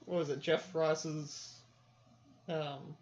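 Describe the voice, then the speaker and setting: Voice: medium pitch, little pitch movement, drawn-out words, a little mellow. A podcast co-host in casual chat who teases with dry jokes, on dull lo-fi audio.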